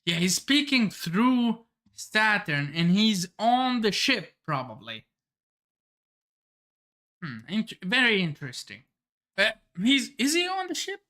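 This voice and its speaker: A man reacting live to a new manga chapter, his voice swinging widely as he exclaims and then trails off in thought. He takes his time, pausing and restarting while piecing things together. His tone is bright and forward. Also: high voice, big pitch swings. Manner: exclamatory, thinks aloud with restarts. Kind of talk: excited live reading reaction.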